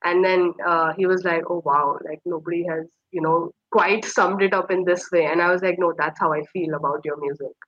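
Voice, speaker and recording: A woman's voice: on the low side, fairly even intonation, a little fast, hardly any pauses, no room sound. A young woman from Kashmir, a guest in an interview, telling a personal story in a hesitant, reflective way with many fillers. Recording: slightly muffled dry recording.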